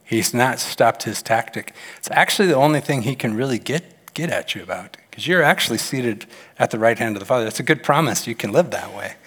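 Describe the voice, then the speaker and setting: Male pastor, animated storyteller mid-sermon, middle-pitched voice, church hall reverb. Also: a little fast, husky. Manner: animated, acts out quoted voices with big pitch jumps.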